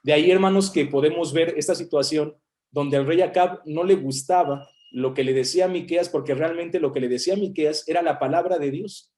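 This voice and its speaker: A man's voice: on the high side, fairly quick, darkish tone. A man preaching a sermon as a minister, explaining a Bible passage and reading verses aloud, with a Mexican Spanish accent.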